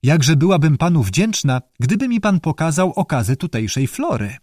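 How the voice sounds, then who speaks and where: A gushing, excitable lady exclaims in a raised voice, as a male narrator puts her on. Her delivery swings widely in pitch, full of eager exclamation. The recording is close and dry. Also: normal speed, no room sound. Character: excitable lady, keen gardener.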